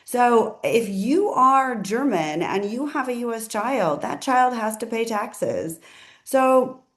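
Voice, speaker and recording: A woman's voice: fairly high pitch, animated, slow. A woman attorney giving casual legal commentary in a chatty way, often correcting herself and adding asides.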